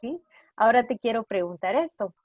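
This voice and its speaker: A woman's voice: on the high side, lively intonation, no room sound, lo-fi sound. A woman leading an online workshop over a video call, putting one question after another to her audience. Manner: asks rapid rhetorical questions to the audience. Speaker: trauma-informed care workshop facilitator.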